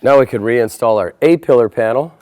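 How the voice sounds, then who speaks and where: A man narrates an installation tutorial step by step, in a plain, methodical, procedural manner. His mid-range voice is brisk and slightly mellow.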